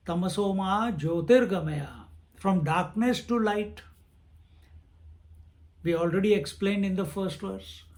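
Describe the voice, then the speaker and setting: A man giving a spiritual discourse on scripture, repeating phrases and chanting verses. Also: high voice. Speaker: swami teaching scripture.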